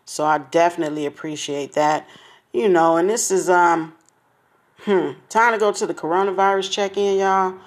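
A woman's voice: lowish voice, moderate pace. A middle-aged woman hosting her own podcast in casual, slangy chat, talking straight to listeners and smiling as she speaks. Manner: upbeat, slangy and chatty, addresses listeners directly; smiling and laughing as she talks. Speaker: podcast host.

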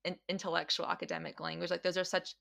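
A Mexican American woman hosts a casual conversational podcast interview in Australia, thoughtful and full of restarts and fillers as she works through ideas. Her voice is fairly low, level, gravelly and fairly bright, and she talks fast.

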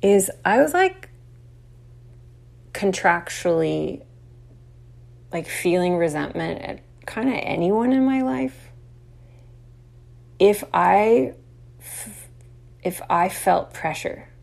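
Woman, podcast host, casual reflective monologue, rambling with fillers, says y'all, very slow, gravelly fry. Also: fairly low pitch, a little mellow. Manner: chatty, addresses listeners as y'all.

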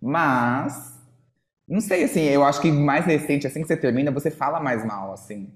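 A man's voice: a little high, animated, normal speed. A man, joking in a casual podcast chat. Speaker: podcast guest. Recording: echoey room.

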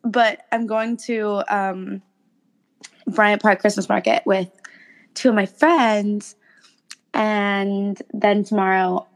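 A young woman co-hosting a casual chat, with a raspy voice from being sick and slangy talk full of "like". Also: mid-range voice, fairly even intonation, slow pace, pauses often. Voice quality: smoker-like rasp. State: sick with a cough, voice roughened. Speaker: podcast co-host.

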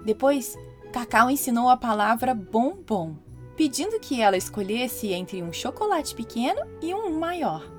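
A woman hosting a children's podcast, narrating a story in a lively storytelling voice. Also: on the high side, unhurried, soft background music.

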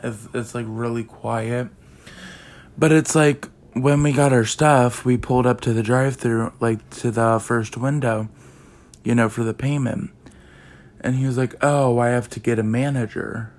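Young guy hosting a podcast, talks slow and kinda flat, rambles with tons of likes and ums. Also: medium pitch. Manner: rambling, heavy use of "like" and "um". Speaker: podcast host. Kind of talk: casual chat.

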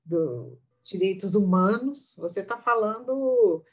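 Female interviewer, medium pitch, warm affirming remarks between guest stories. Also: lively intonation, slow. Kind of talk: conversational interview.

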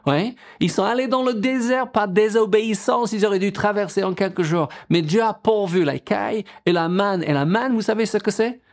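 A man's voice: high-pitched, moderate pace, few pauses. A middle-aged male pastor preaching a sermon, quoting scripture and asking the congregation questions.

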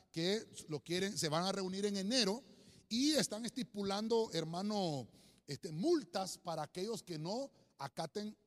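Male preacher, high lively voice, rambling slide-show sermon in a reverberant hall. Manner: animated, addresses listeners as brother, rambling with restarts.

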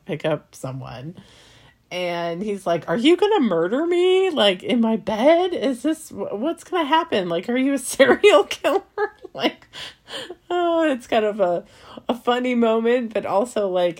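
A woman hosting a podcast, recapping a film in a rambling, casual way with fillers and soft laughs. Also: fairly low pitch. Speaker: podcast host.

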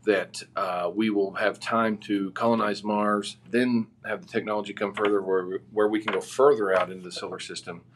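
A man as a podcast guest, giving relaxed, rambling answers with many fillers. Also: on the low side, normal speed, hardly any pauses, a little hiss or hum. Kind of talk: casual interview answers.

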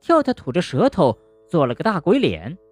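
A woman narrating a children's bedtime story gently and expressively, speaking to a young listener. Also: low voice, huge pitch swings, moderate pace, breathy edge, no room sound, soft background music.

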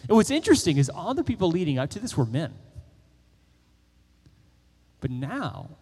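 Young pastor, male, casual sermon delivery with lots of fillers, higher-pitched voice, reverberant sanctuary sound. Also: moderate pace, breathy edge. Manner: conversational, animated storytelling with many fillers. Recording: long reverb of a church hall.

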